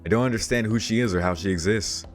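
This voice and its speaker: A man hosts a let's play, reading a visual novel aloud and tossing in casual reactions while the game's soundtrack plays behind him. His voice is lowish and his pace quick.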